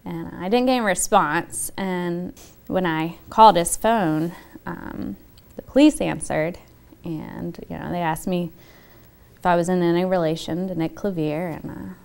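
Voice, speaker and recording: Soft-spoken woman with a gravelly voice. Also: fairly low pitch. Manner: halting, soft-spoken recounting with many pauses. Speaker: interviewee, widow. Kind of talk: documentary interview.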